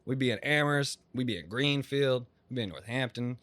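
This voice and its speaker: Fast-talking slangy young man. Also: mid-range voice, expressive, a bit bright, dry recording. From Massachusetts. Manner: fast, slangy, rambling with restarts and profanity. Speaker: rapper, interview guest. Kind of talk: casual interview chat.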